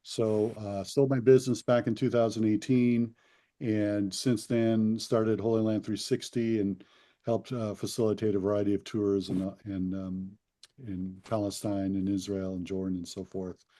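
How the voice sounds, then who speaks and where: A man who runs a tour company introducing himself on a video call in a relaxed, rambling way with many fillers. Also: lowish voice, moderate pace. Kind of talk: casual self-introduction.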